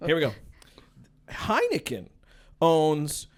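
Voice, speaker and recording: A man's voice: a little high, wildly swooping pitch, very slow. A man hosting a casual beer trivia quiz, joking and playful as he reads questions. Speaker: host.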